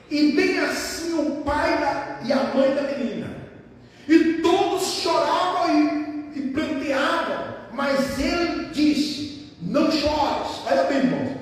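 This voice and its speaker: Male preacher, very high voice, emphatic and repetitive, recorded far off in a reverberant church hall. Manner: emphatic, repeats phrases, addresses listeners as brothers. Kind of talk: sermon. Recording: echoey hall, distant mic.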